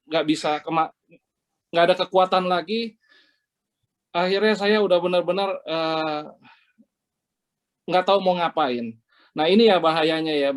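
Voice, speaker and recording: High-voiced man giving an earnest testimony. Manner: earnest, halting, with many restarts. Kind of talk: personal testimony to a men's fellowship. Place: hotel quarantine room. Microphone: video call.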